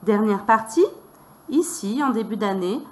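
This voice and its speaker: Slow, deliberate woman teacher. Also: medium pitch, animated. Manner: slow, deliberate, sounding out syllables and letters. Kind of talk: reading-method demonstration.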